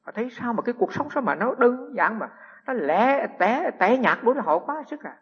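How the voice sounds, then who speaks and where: A man, a Buddhist monk giving a humorous storytelling sermon with lively anecdotes and frequent restarts. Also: extremely high pitch, fairly quick, breathy edge. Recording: echoey hall, dull lo-fi sound.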